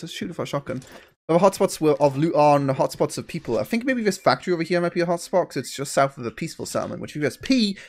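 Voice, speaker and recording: A man giving rambling, profane, laid-back commentary as he plays a video game, talking into a gaming headset at home. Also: fairly high pitch. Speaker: gaming streamer. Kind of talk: casual let's-play commentary.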